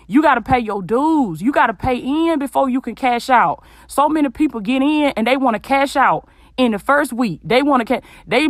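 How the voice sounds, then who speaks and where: Her voice a little high, a female podcaster dishes out informal motivational business advice in an emphatic, preachy manner, driving points home by repeating phrases. She records in a small closet at home, and the sound is clean studio quality without room sound.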